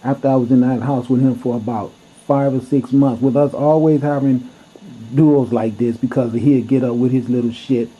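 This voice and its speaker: A man's voice: mid-range voice, fairly even intonation, moderate pace, slightly rough. A man telling a story to camera in a blunt, heated way, cursing freely as he goes. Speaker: vlogger. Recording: dull lo-fi recording.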